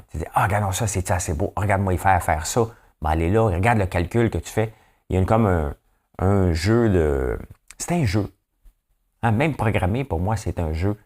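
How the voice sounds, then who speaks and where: A man's voice: low voice, darkish tone. A man with a Quebec French accent hosting a daily news commentary show, talking casually, rambling and asking rhetorical questions. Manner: rambling, asks rhetorical questions, often tags "hein?".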